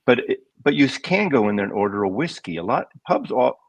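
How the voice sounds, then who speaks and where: A man's voice: mid-range voice, very animated, fast talker, creaky, breathy edge, no echo. An older American man rambling through stories as co-host of a casual livestream chat. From United States. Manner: rambling storyteller, digressive.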